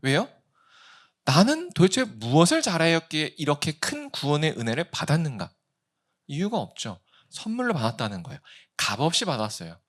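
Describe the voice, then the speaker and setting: Male pastor, 30s, sermon; raised voice, very expressive pitch, rhetorical questions. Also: moderate pace. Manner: animated preaching with acted-out quotes and rhetorical questions.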